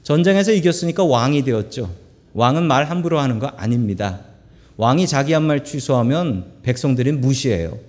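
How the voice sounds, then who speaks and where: A middle-aged man preaching a sermon, telling stories with humorous asides in an animated way, recorded in a church sanctuary. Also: medium pitch, fairly quick. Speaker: pastor. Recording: long church hall reverb.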